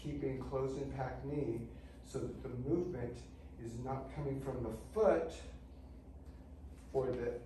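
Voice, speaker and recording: A middle-aged man giving measured, technical step-by-step exercise instruction in short phrases. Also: medium pitch, warm tone. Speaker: movement class instructor. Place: large indoor studio with treatment tables. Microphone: far camera microphone. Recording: distant mic, very echoey, noisy room.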